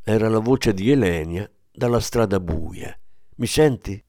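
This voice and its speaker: A man reading a novel aloud as scripted narration, measured and steady. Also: on the low side. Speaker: audiobook reader.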